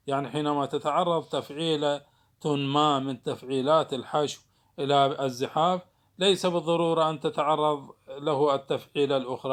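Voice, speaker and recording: Male teacher, somewhat high voice, slow and deliberate; spells out syllables and restarts mid-thought while explaining meter. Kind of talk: recorded lesson on Arabic poetic meter.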